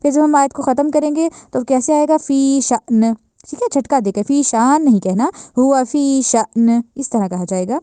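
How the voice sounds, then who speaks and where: A woman with a Pakistani Urdu accent teaches recitation word by word, patiently correcting mistakes and stretching out each word slowly. Her voice sits a little high and sounds mellow. It is recorded dry and close, with no room sound. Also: dry recording. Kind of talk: tajweed lesson, word-by-word correction.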